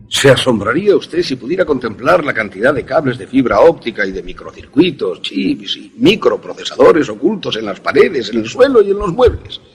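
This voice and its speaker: A man with a husky, mid-range voice plays a courteous, eccentric scientist in a suspense radio play. He is formal and deliberate, sounding proud and polite as he explains his invention.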